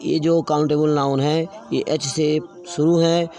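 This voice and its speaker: A man teaching English grammar, slowly spelling out words letter by letter and repeating them. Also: on the high side, flat delivery, warm tone, soft background music. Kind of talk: classroom grammar lesson.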